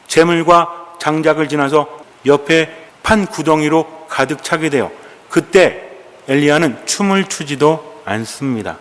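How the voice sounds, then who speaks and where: Priest giving a sermon, kinda high voice, chatty q-and-a style with the congregation, big echoey church. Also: male voice. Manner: storytelling, asking the congregation questions and answering them; colloquial and animated, acting out quoted dialogue. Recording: long echoing church reverb.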